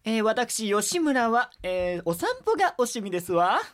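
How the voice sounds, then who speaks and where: A woman's voice: a little high, very animated, moderate pace. Playful woman in mock-posh lady talk. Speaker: chat participant. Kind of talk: casual group chat.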